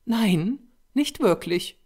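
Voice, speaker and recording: A man's voice: animated, very slow, darkish tone, breathy edge, heavily acted. A man voicing a young female artist's model who scolds and teases in a raised voice. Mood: indignant. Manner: high, scolding and teasing.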